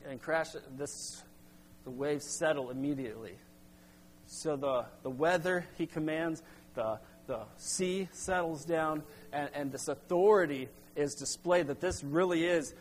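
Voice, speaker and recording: A middle-aged man preaching a sermon as pastor, halting with restarts, then pressing into emphatic bursts. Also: a little high. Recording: long hall reverb.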